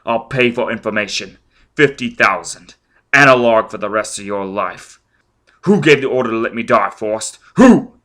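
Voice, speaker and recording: For an audiobook, a man voices a ruthless, vengeful character who shouts in fury and menacingly barks demands and threats. His voice is on the low side and fairly bright, delivered unhurriedly.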